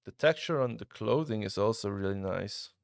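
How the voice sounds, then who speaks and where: Chatting with viewers while streaming a game, a young man from Switzerland reacts casually to his play and often restarts sentences. He has a lowish, gravelly voice at a normal speed. The recording is studio quality with no echo.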